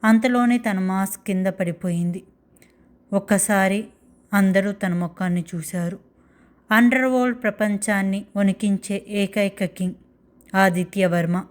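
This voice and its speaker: A woman's voice: mid-range voice, steady tone, measured pace. A woman narrating a dramatic love story in a scripted storytelling style.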